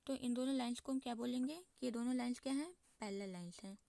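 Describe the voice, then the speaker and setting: A woman's voice: a little high, quick pace, vocal fry, mellow, no echo. A woman teaching a maths lesson, asking herself questions and answering them, often checking in with her class. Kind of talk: explaining a lesson at a board.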